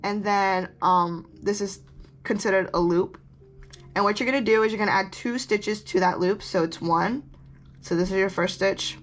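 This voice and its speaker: A woman's voice: mid-range voice, normal speed. A woman casually talking through a craft tutorial step by step, rambling and correcting herself, chewing gum as she talks. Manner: chatty, rambling, self-correcting asides.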